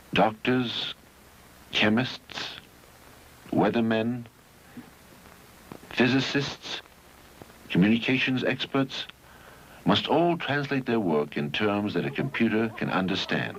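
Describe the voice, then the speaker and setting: On the soundtrack of a 1971 educational film, a man reads scripted narration in a measured, didactic way with deliberate phrasing. His voice is medium-pitched with lively intonation, and the highs are cut off.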